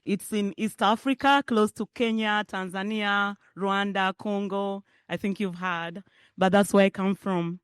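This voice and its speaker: A woman's voice: medium pitch, fairly even intonation, a little slow, clean tone, no room sound, studio quality. A middle-aged woman from Uganda with a Ugandan accent, giving a conversational keynote speech at a forum. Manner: warm, conversational, laughs often. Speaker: keynote speaker. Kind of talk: public speech.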